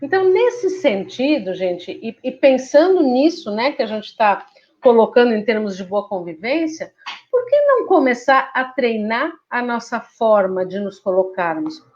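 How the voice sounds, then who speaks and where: A woman's voice: a little high, sing-song, unhurried, darkish tone. Lady giving a spiritual talk, chatty, keeps asking questions, kinda dull muffled audio. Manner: conversational, asks rhetorical questions. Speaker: spiritist speaker. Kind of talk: devotional talk.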